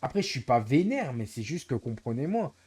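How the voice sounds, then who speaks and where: A male streamer talking casually to his live chat at a mid pitch. His voice is mellow and dark. He sounds exasperated as he explains himself over and over. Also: big pitch swings, fairly quick, slightly rough.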